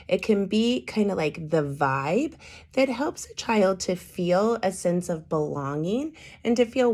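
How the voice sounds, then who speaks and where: Hoarse lady podcast host, voice giving out, kinda low and croaky, chatty and into it. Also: a little mellow. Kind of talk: casual solo podcast talk.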